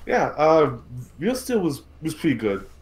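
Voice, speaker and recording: A male host chats through a relaxed livestream podcast on films and games, halting often and echoing his own words as he thinks. His slightly high voice has a sing-song lilt and a somewhat mellow tone.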